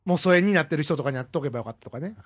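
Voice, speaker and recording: A man's voice: a little high, expressive, very fast, husky. A man co-hosting a podcast, chatty and agreeable, trading jokes with the host. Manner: chatty, agreeable, jokey, lots of back-channel replies. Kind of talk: casual chat.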